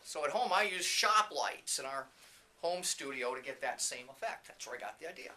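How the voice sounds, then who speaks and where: Walking through a video production facility indoors, a man gives an easygoing, improvised tour as CEO and presenter of his training company. His voice runs slightly high with lively intonation, a moderate pace, and a pushed, bright quality. Light background noise and room ambience sit behind him.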